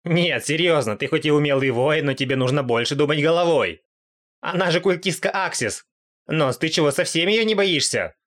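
A man reading aloud and voicing a huge goat-headed monster commander who talks in agitated shouts. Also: on the high side, expressive, moderate pace, pitched above the performer's own voice. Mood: exasperated.

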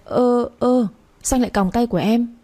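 A woman's voice: medium pitch, moderate pace, dark tone, lightly acted. A woman voicing a coy young woman who whines and pleads in a raised voice. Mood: pleading.

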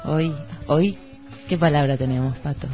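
A woman with a deep voice and an Argentine Rioplatense accent talks conversationally at a moderate pace as co-host of a literary radio show. The radio recording is dull and lo-fi, with music in the background.

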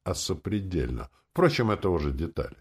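A good-natured old imperial official speaks in a formal, courteous way with quiet amusement, as an audiobook narrator puts him on. His voice sits low but moves lively up and down. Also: brisk, breathy edge, exaggerated voice.

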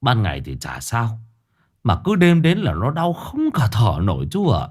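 A man's voice: medium pitch, huge pitch swings, moderate pace, breathy edge, voice pushed up. A man voicing a middle-aged male hospital patient who grumbles plaintively.

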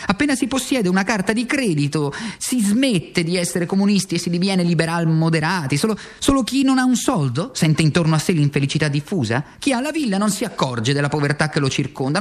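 A male actor with a fairly high voice plays a tormented, self-accusing, worn-out communist in a theatrical radio monologue, acted lightly. He halts and repeats phrases for emphasis.

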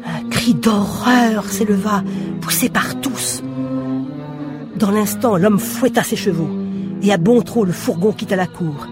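Steady radio storyteller, mid voice, music playing under it. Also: medium pitch, unhurried, pauses often. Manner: steady storytelling, lifts for dramatic moments. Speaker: reader. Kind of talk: radio drama reading.

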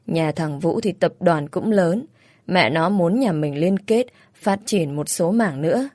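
Woman doing older mother-in-law, bossy, caring, practical, low voice, dry sound. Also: expressive, unhurried, darkish tone, dry recording. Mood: teasing. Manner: bossy, practical, scolding kindly.

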